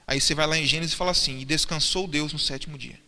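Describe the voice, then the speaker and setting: A man's voice: a little high, very fast, sharp tone. A man preaching a sermon in church, asking the congregation questions and answering them himself. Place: church hall. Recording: church sermon with long reverb and faint music.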